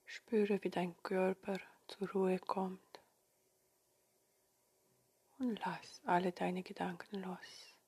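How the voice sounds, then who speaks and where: Slow, soft half-whispering woman guiding meditation. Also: lowish voice, little pitch movement, slightly rough. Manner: soothing, gentle instructions with long pauses. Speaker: meditation guide.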